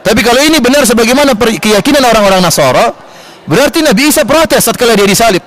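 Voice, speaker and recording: A male preacher with a fairly high voice lectures at a quick clip. He lifts his voice when he quotes scripture, giving the talk an animated, emphatic drive. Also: rough recording. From Indonesia. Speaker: Islamic preacher. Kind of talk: religious study lecture. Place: large mosque.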